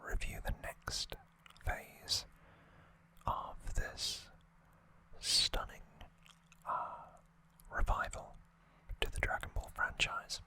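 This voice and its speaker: In a slow, measured hush, an ASMR host breathes out a trivia summary in an unvoiced whisper.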